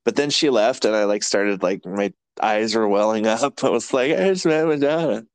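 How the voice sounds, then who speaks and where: A man with a fairly low voice hosts a podcast, chatting casually in a rambling, self-deprecating manner and laughing often. He speaks at normal speed, and there's no echo.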